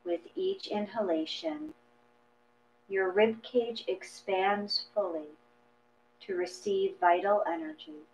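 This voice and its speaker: A woman with a mid-range voice reads a guided meditation from a script, slow, gentle and measured, leaving long pauses between phrases. The audio is dull and lo-fi, with mains hum.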